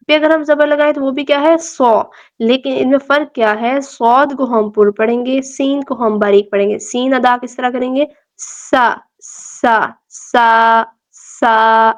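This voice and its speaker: A woman's voice: fairly high pitch, no room sound. Woman teaching tajweed in a patient, repetitive manner. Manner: patient, repeats each point, models letter sounds slowly and drawn out. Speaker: Quran recitation teacher. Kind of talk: tajweed lesson. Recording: dull lo-fi recording.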